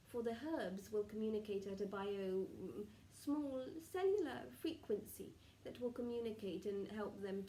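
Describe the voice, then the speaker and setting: Channelling a solemn, benevolent group of spirit guides who advise a client, a woman in a medium's trance offers improvised spiritual counsel with formal, stilted, halting wording and murmured pauses. Her voice is medium-pitched and mellow, close to how she normally talks, recorded on a roomy, distant mic with faint noise.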